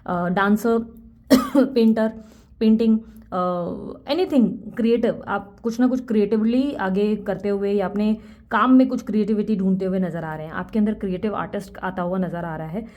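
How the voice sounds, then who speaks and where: A young woman reads tarot cards for her viewers, speaking quickly and earnestly. Her voice is mellow and warm, and her pitch sits in the middle of the range. She often drops English words into her talk. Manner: rapid, earnest, mixes English words into Hindi. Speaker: tarot reader. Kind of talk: Hindi-English tarot reading to camera.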